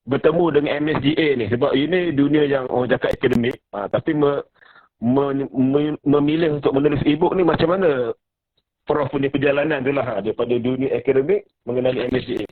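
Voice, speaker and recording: A man in his mid-thirties hosting a live-stream interview. He talks in a relaxed, chatty way, with frequent fillers and laughs. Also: mid-range voice, a little fast, no room sound, phone-quality sound. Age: 30s. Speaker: host.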